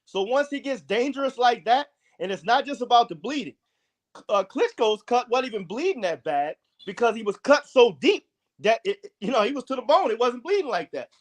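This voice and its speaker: A man's voice: very high voice, sing-song, fairly quick. A man co-hosting a casual boxing podcast, arguing his points firmly and emphatically. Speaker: podcast co-host.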